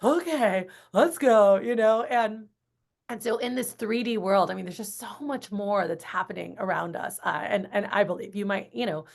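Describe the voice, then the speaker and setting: A woman's voice: medium pitch, normal speed, gravelly. Woman, 40s, podcast guest. Rambling, conversational, acts out quotes mid-story. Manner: rambling, frequent restarts and acted-out quotes. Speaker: guest, entrepreneur and coach. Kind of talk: casual podcast interview talk.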